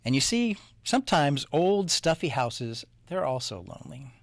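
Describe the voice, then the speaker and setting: A man's voice: a little high, moderate pace, gravelly, no room sound. Playful man reading a children's story. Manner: animated, playful. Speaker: storybook reader.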